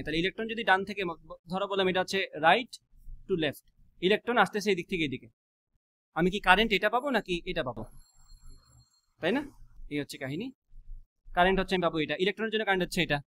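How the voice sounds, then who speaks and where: A man teaches a physics class, quizzing students with quick rhetorical questions and mixing English math terms into his speech. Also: high voice, expressive, sharp tone. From Bangladesh.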